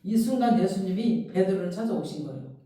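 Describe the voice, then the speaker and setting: A pastor preaching a sermon in a church, telling the story with strong emotion and bursting into loud, heated outbursts. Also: mid-range voice, brisk. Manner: emotional, animated storytelling with shouted imagined outbursts. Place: church sanctuary. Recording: very echoey hall, distant mic.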